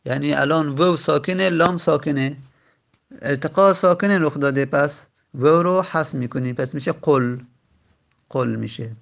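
Male grammar teacher, gravelly voice, slow drilled repetition of forms. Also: a little high, a bit bright. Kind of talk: classroom lesson.

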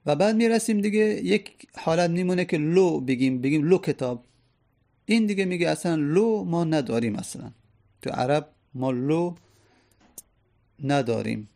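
A man's voice: fairly high pitch, creaky, darkish tone. A man teaching a grammar lesson, explaining step by step and answering his own questions.

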